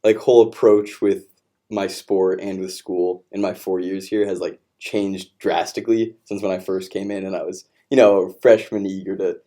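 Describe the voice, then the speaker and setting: A man's voice: deep voice, moderate pace. A young man, a college senior athlete, chatting casually on a podcast and rambling with fillers. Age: young adult. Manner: relaxed, rambling with "um" and "like". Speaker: student-athlete.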